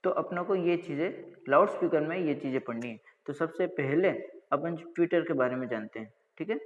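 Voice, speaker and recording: This college lecturer, a man with a fairly high, animated voice, talks fairly quickly as he walks through technical material in a didactic way. He often asks and answers his own questions and checks comprehension, heard through dull lo-fi audio with long reverb.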